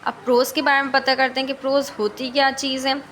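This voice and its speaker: A woman teaching a literature lesson in a fairly high voice. She reads each English line out slowly and carefully, then breaks it down at speed, asking the class a question and answering it herself. A faint hiss of noise sits under her voice. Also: flat delivery, fairly bright tone. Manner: reads English lines slowly, then explains them quickly with repeated questions. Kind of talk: classroom lecture explaining literature.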